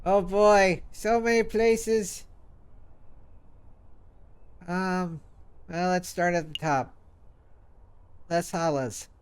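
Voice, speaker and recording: A man's voice: sits high, steady tone, drawn-out words, long pauses, smooth. A man streaming a game, reading its dialogue aloud and stumbling over foreign words with self-mocking asides.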